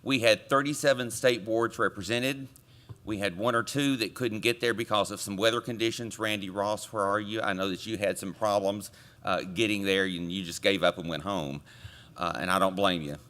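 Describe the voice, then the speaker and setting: A man chairing a committee, delivering a conference report from a podium microphone with relaxed joking asides to the audience. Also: on the low side, normal speed. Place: conference meeting room.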